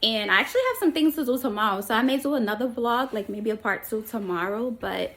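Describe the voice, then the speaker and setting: Talking directly to her followers, a young woman from Queens chats and rambles through a casual shop-along, her New York accent clear. She speaks fast in a slightly high, somewhat bright voice, and the recording is rough.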